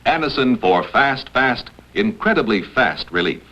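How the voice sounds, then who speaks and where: A male announcer narrating a scripted 1960s television commercial with an emphatic, repetitive sales pitch. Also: big pitch swings, unhurried, bright, forceful tone. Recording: muffled, husky vintage broadcast audio.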